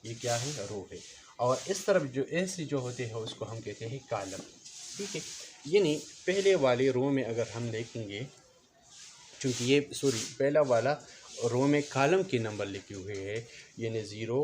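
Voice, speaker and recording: A man teaching a math lesson, explaining slowly, repeating each step and counting aloud. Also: mid-range voice, lively intonation, a little mellow. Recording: noticeable background noise.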